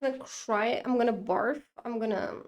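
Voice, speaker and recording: A young woman streaming while she draws, chatting casually to her viewers in a rambling, excitable way that keeps breaking off mid-sentence. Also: fairly high pitch, moderate pace. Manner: rambling, self-interrupting, excitable.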